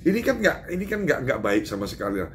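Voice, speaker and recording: A man's voice: mid-range voice, quick pace, slight background noise. Emphatic Indonesian man speaking to reporters. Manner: animated, emphatic, many fillers and restarts. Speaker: public figure giving a press statement. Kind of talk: doorstop interview with reporters.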